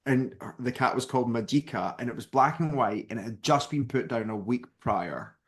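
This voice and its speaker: Animated male guest telling a story. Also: medium pitch, normal speed. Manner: lively narrator who acts out the people in his story. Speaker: guest, spiritual teacher and author.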